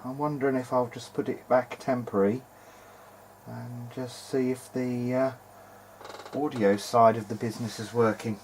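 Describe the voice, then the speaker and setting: Narrating a repair video of his own, this vintage hi-fi enthusiast has a mid-range voice with little pitch movement and a moderate pace, with slight background noise. His informal video-diary talk is hesitant, half muttered to himself while he works with his hands.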